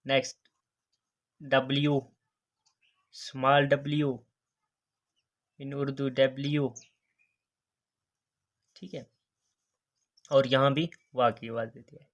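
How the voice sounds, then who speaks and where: A man teaching the alphabet, saying each letter slowly and repeating "next" and "okay" as he goes. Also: medium pitch, muffled recording. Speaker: English teacher. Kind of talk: alphabet lesson narration.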